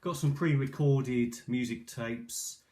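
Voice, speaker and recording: Recorded on an old iPad's built-in mic, this clip is clearly noisy and full of clicks. A middle-aged man presents his old cassette tapes at the kitchen table, hesitant and thinking out loud in a casual, rambling way, with a medium-pitched, slow voice.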